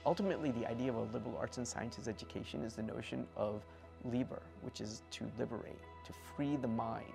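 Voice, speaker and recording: Gravelly man speaking earnestly over music. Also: medium pitch, fairly even intonation, quick pace. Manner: earnest, lofty phrasing. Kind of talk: promotional testimonial.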